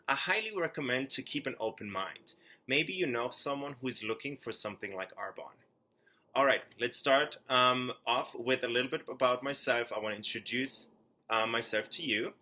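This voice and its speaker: Bright-voiced young German man pitching. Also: moderate pace. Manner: earnest, upbeat, with small slips and restarts. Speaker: network marketing consultant. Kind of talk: scripted sales pitch to camera.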